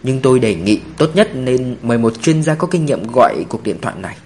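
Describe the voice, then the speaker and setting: A man voicing a calm male police officer who explains things in a measured way. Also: mid-range voice, slight background noise, lightly acted.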